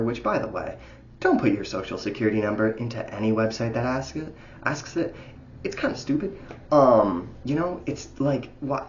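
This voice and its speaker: Rambling, animated young-sounding man, lo-fi. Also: mid-range voice. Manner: rambling and informal, many fillers and swearing. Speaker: commentator on data privacy. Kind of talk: casual unscripted monologue.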